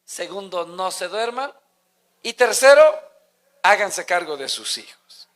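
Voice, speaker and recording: A man's voice: sits high, very animated, a little slow, a bit bright. A man, preaching a sermon and putting emphatic questions to his congregation.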